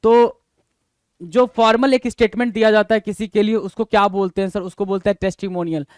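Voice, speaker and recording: A man teaching an exam-prep vocabulary lesson, who reads definitions slowly, then explains in quick asides and spells words letter by letter. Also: sits high, fairly even intonation, clear, resonant tone, no room sound. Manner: addresses listeners as "bhai".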